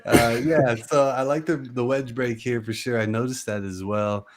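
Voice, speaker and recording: A man's voice: mid-range voice, steady tone, normal speed. A man hosting a casual trading show, upbeat and loose, with plenty of fillers as he walks through charts. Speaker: host. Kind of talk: casual market chat.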